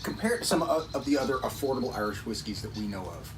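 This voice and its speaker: A fast-talking man co-hosts a casual whiskey tasting and walks through each tasting note in detail. He is picked up by a distant mic, with clear noise around him. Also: mid-range voice, expressive. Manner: analytical, describes tasting notes in detail. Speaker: whiskey review co-host. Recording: distant mic, noisy room.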